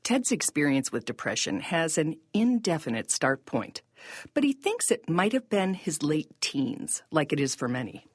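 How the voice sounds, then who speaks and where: A woman narrates a documentary script in a low, slightly husky voice. Her delivery is measured, but her pitch moves freely, and the dry, close recording has no room sound. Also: big pitch swings, no room sound.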